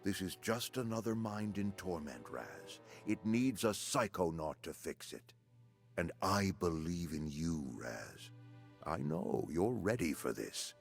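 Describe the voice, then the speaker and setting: A man voicing a weary, solemn senior secret agent who speaks gravely and deliberately in a video game. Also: deep voice, very animated, faint music behind, exaggerated voice. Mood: solemn, encouraging.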